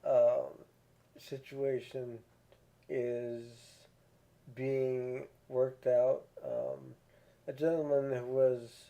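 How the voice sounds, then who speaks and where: A man speaks in an unhurried, halting way as he reviews a series, often stopping on filler sounds and restarting words. His voice sits at an ordinary middle pitch. The sound is narrow and tinny, as if heard over a phone line. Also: expressive, dark tone. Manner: slow and halting, many ums and restarts. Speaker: show reviewer. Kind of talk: casual spoken review.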